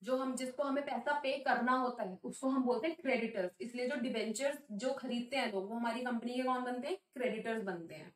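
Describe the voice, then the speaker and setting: High-voiced woman teaching in an echoey room. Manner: asks questions then answers them, mixes English terms into Hindi; reads English definitions slowly. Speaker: commerce teacher. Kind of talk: classroom lecture. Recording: echoey room, a little distant.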